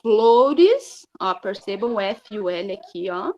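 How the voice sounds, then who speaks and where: A woman's voice: medium pitch, fairly even intonation, muffled recording. A Brazilian woman teacher giving a recorded lesson, stretching out syllables and checking in with her students as she goes. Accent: Brazilian Portuguese. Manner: slow, drawn-out syllables with frequent "né?" and "tá?" checks.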